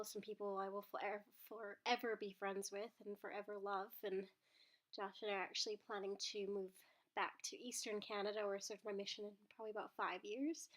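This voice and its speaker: A woman in her twenties, unwell and out of breath, talking candidly in a casual vlog with frequent hesitations. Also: mid-range voice. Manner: candid, hesitant with many ums. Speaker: vlogger.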